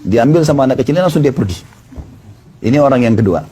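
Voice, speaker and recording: Fast-talking husky preacher man. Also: medium pitch, lively intonation, dark tone. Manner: narrates tales with quoted dialogue. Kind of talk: storytelling sermon.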